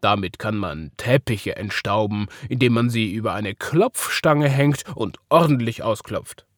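A man's voice: on the low side, lively intonation, measured pace, dry recording, clean studio sound. A man voicing a kindly, helpful older salesman in a children's story, with an Austrian accent and a friendly explaining manner.

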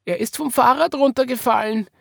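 Guy doing a little austrian girl voice, high and eager, brave kid in a storybook, dry close sound. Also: lively intonation, normal speed, no echo. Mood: worried.

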